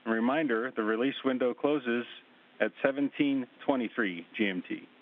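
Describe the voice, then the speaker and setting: A man's voice: medium pitch, moderate pace. Man making clipped space radio calls. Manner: clipped procedural callouts. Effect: space radio comm loop. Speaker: mission control capcom. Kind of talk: flight control radio calls. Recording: muffled radio voice loop.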